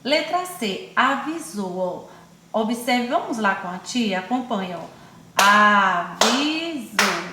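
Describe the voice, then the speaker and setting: A woman with a Brazilian accent teaching young children in an online class, speaking affectionately and stretching words out slowly syllable by syllable. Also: fairly high pitch, very animated, echoey room, very noisy. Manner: affectionate, calls pupils "my loves" and herself "auntie". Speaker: primary school teacher.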